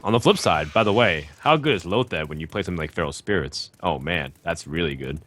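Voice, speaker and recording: Low-voiced analytical male caster. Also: animated, fairly quick, fairly bright tone, a little hiss or hum. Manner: thoughtful analysis with frequent fillers. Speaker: esports commentator. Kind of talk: live game commentary.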